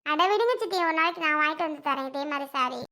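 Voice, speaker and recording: A woman's voice: sits high, fast, sharp tone. A woman playing a kind young niece who comforts her crying aunt in a family skit. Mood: comforting. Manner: sweet, comforting.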